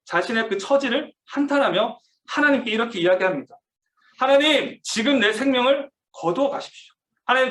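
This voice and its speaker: A man's voice: high voice, fairly bright tone. A man preaching a youth sermon, telling the story vividly, asking the listeners questions and acting out the quotes. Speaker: youth pastor. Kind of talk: sermon to teens over video call. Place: church room. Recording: roomy, distant mic.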